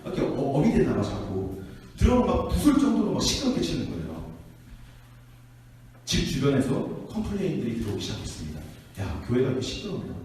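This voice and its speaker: A man preaching a sermon to a youth group, telling stories in an animated way and acting out the people in them. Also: medium pitch, brisk. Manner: animated storytelling, acting out quotes. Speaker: youth pastor. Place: church hall. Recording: echoey hall from far off.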